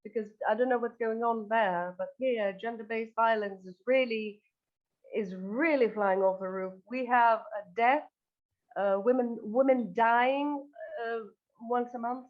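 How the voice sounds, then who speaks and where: A little high and unhurried, this woman's voice comes through narrow, tinny audio. She's a band singer and lyricist from northern Greece, giving earnest, hesitant interview answers with repeated words.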